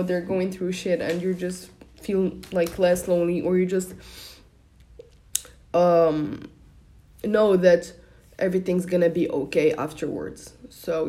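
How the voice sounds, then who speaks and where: A hesitant young adult woman records a casual personal vlog in a warm, fairly low voice that shakes slightly. She uses many fillers and restarts.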